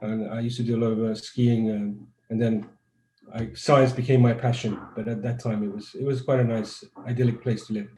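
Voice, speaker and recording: Speaking over a video call, a Croatian man who is a guest neuroscientist gives thoughtful interview answers, frequently restarting his phrases. His mid-range voice is mellow and level, barely rising or falling, and he talks a little fast. The recording has a noticeable room echo and slight background noise.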